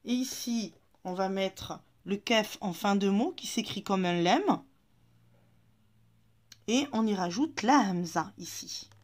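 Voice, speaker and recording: A woman's voice: mid-range voice, slow. A woman teaching an Arabic reading lesson to French-speaking learners, patient and encouraging, stretching out syllables for the learners to repeat.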